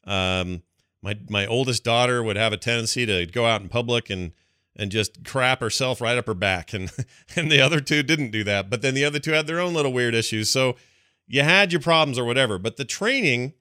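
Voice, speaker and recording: Bright-voiced, rambling male podcast host. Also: mid-range voice, fairly quick, no room sound, studio quality. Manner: rambling, animated storyteller who puts on voices. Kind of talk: casual chat.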